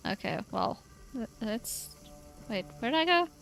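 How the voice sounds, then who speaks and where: A woman's voice: fairly high pitch, very animated, takes it slowly, vocal fry, fairly bright tone, faint music behind. A woman streaming a game in casual, chatty commentary, talking to herself, giggling and trailing off mid-thought.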